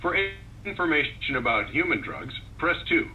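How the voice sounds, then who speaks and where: A man's recorded phone menu voice reading measured, even prompts, heard through buzzy, glitchy internet call audio. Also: on the high side. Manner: measured, evenly read prompts. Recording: muffled distant phone line with faint hiss.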